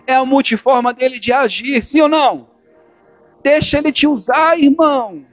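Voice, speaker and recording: A man preaching a sermon as a pastor, swinging between forceful exhortation and hushed, intimate speech. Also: very high-pitched, normal speed, dry recording. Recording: dull lo-fi church recording with faint music.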